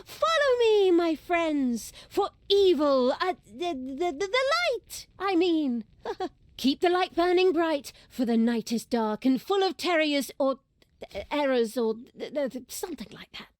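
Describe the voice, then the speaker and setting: Game cast: a very high-voiced, slow-spoken young priestess who is sweet and earnest. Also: female voice, lively intonation, no room sound. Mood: cheerful. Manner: sweet, earnest, flustered, then gleeful menace. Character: young female priestess turned dark sorceress. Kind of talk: game cutscene voice acting.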